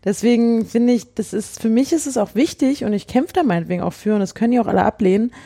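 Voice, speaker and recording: A woman's voice: fairly high pitch, fast talker, mellow, breathy edge. A woman hosting a casual talk show, explaining her views earnestly with hesitant restarts. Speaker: show host. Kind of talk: casual chat.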